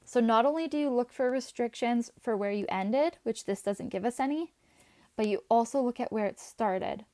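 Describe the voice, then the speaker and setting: A woman teaching a math class, chatty and talking her students through each step as she writes, her voice a little hoarse. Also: fairly high pitch, moderate pace, mellow, no room sound, clean studio sound. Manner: chatty, talks while writing, asides to students. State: voice going, slightly hoarse.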